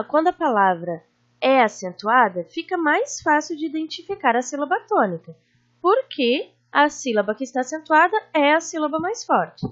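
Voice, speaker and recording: A Brazilian woman teacher giving a recorded lesson to children, drawing out syllables slowly and checking in with her pupils. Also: high-pitched, dull audio. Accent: Brazilian Portuguese. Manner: slow, drawn-out stressing of syllables; warm teacherly questions to pupils.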